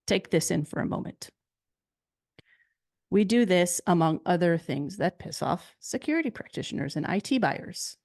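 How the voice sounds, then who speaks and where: A woman giving a conference keynote on marketing, telling a story in an animated way with rhetorical questions. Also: fairly low pitch, normal speed, creaky, few pauses, no room sound, studio quality. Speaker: marketing speaker.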